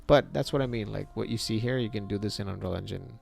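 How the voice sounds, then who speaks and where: Gravelly low-voiced man chatting on stream. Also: fast, faint music behind. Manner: relaxed, rambling, reacts to viewer chat; laughs often, swears casually. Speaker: livestream host and 3D artist. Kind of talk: casual livestream chat.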